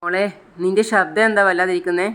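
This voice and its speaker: A narrator voicing an anxious older mother, asking worried questions in a smooth voice. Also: medium pitch, level tone, fast talker, fairly bright tone, natural voice.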